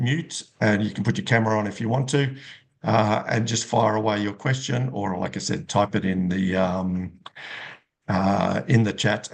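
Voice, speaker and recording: Low-voiced man hosting a rambling webinar. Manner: rambling, full of "you know" and "um". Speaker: host. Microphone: video call mic.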